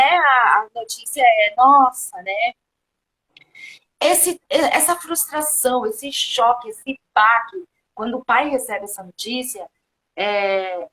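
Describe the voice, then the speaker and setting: A Brazilian woman hosts an interview, her voice slightly high and somewhat bright, captured in a rough recording. She keeps things casual with conversational questions, frequently restarting and correcting herself.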